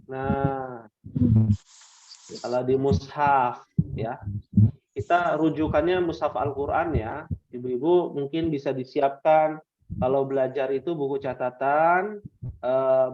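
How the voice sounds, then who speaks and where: Man, language teacher, slow and patient, slightly high voice, dull lo-fi class audio. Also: a little mellow. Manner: patient, drawn-out drill questions, repeats answers back. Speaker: Arabic teacher. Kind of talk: online language class drilling.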